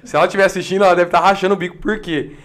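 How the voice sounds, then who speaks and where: A man with a São Paulo interior Brazilian accent, a guest chatting casually and laughing often about narrating football. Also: sits high. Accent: Brazilian Portuguese, São Paulo interior. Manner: fast, animated, laughs often. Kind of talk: casual podcast chat.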